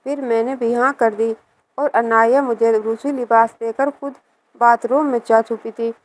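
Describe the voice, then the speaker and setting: A woman telling a scripted first-person story with a steady, even delivery. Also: a little high, rough recording.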